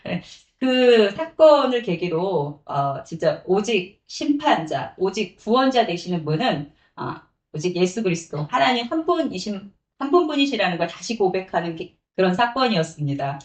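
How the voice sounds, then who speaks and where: A woman's voice: mid-range voice, sing-song, normal speed. A woman evangelist preaching a sermon with personal testimony, acting out quotes and laughing often. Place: church sanctuary. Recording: echoey church room.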